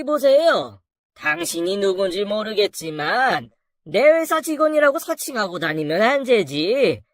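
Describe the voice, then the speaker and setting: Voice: medium pitch, dry recording, clean studio sound, close to an everyday voice. A narrator playing a haughty law firm boss. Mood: lecturing. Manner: condescending, lecturing. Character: arrogant middle-aged male law firm boss.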